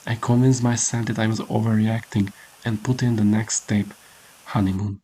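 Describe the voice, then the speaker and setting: A man reading a scripted horror story in the first person, with measured storytelling delivery. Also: lowish voice, level tone, mellow, husky, rough recording. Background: prominent music under the voice.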